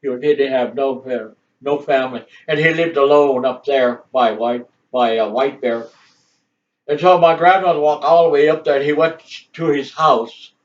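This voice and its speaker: An older man, a grandfather, telling family history in halting oral storytelling, restarting and repeating words as he goes. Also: mid-range voice, fairly even intonation. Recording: distant, dull lo-fi home recording.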